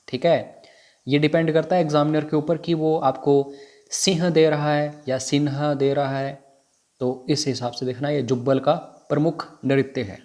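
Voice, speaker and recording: A man's voice: a little high, darkish tone. A man teaching an exam prep lesson, repeating which facts to memorize. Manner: repetitive, drilling what to memorize.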